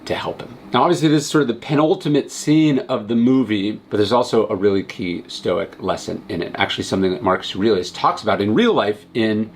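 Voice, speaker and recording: A man's voice: lowish voice, brisk, hardly any pauses, slight background noise. A man giving a casual but earnest commentary on philosophy and a film, repeating words and building to emphatic points. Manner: earnest, emphatic, rising intensity on key points; verbal restarts, conversational. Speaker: host.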